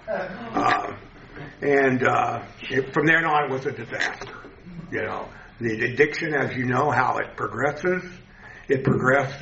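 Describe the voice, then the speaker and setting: A man's voice: mid-range voice, gravelly, a bit bright, slight background noise. A man in his seventies with a toothless lisp, giving an informal personal testimony to a group. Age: 70s. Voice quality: lisp from missing teeth. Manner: informal, conversational. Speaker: speaker sharing a recovery story at a meeting. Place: echoey indoor meeting room. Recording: muffled, echoey meeting-room recording.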